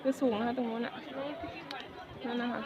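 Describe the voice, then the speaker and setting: A woman chatting to her viewers as she walks through a salt mine, using lots of soft polite particles. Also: on the high side, flat delivery, moderate pace. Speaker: travel vlogger. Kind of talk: casual travel vlog narration. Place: inside a salt mine, then walking outdoors. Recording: dull lo-fi phone recording, loud crowd.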